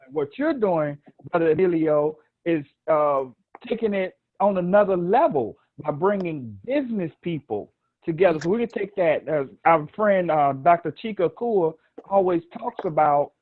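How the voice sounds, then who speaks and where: A man's voice: a little high, lively intonation, moderate pace, no echo. A man with a Southern US accent hosting a live online talk show over a video call, chatty and rambling, laughing often. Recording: dry, tinny phone-like call audio.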